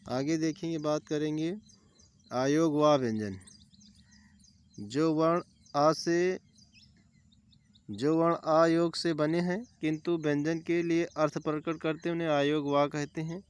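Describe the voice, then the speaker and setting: A man's voice: on the high side, steady tone, measured pace, long pauses, clean tone. A man teaching an exam-prep grammar lesson, explaining step by step and repeating key terms with lists of examples.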